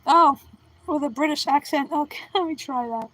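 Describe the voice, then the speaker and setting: Goofy high-voiced middle-aged woman livestreaming. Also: normal speed, sharp tone, no echo, poor audio. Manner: goofy, joking, punning, self-deprecating. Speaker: livestream host reading chat. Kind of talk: casual livestream chat.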